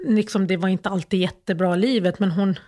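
Halting Swedish woman recalling a loss. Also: medium pitch, fairly even intonation, warm tone. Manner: halting, many fillers and restarts, acts out past phone calls. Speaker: interview guest. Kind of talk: personal interview, emotional storytelling.

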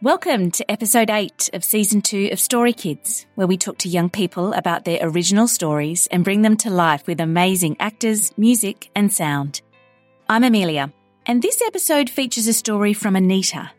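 A woman host reading a scripted introduction, her voice close and dry with no room around it. She keeps a mid pitch and a friendly announcing tone. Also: animated, normal speed, no room sound, faint music behind. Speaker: podcast host.

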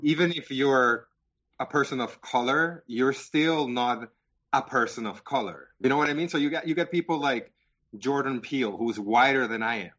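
A man making deliberate, argumentative points in a casual podcast chat. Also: medium pitch, a bit bright, highs cut off.

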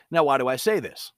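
A man's voice: medium pitch, gravelly, no room sound, studio quality. A man delivering an emphatic, opinionated commentary monologue.

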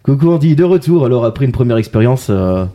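A man's voice: medium pitch, lively intonation, fast talker, crowd noise, background noise. A man hosting a casual podcast, introducing guests with playful puns and wordplay. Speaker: podcast host. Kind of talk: casual chat.

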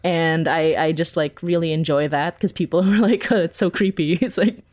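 A woman from the Philippines, a podcast creator, talks casually as an interview guest in a low voice at a normal speed. Her storytelling is animated and giggly, peppered constantly with "like."

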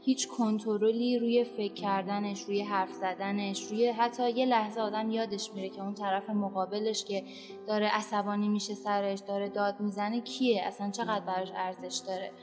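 A woman's voice: mid-range voice, level tone, big-room sound, music in the background. A woman sharing a personal story in a round-table podcast, hesitant and full of fillers. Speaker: podcast guest.

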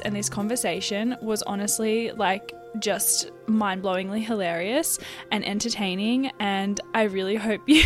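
An Australian woman hosting a podcast in a casual, effusive, giggly way with plenty of swearing. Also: medium pitch. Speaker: podcast host. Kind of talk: casual chat.

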